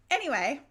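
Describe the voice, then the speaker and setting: A woman hosting a casual book club livestream, out of breath and chatty, laughing often and a little frazzled. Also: a bit bright. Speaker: booktube livestream host. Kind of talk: casual live-stream chat.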